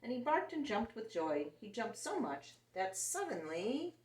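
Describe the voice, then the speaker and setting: This time the storyteller's voice is on the high side and unhurried as she reads a picture book aloud to children. She is animated and expressive, giving the characters voices with plenty of rise and fall, and the room-filled sound shows she's some way from the mic.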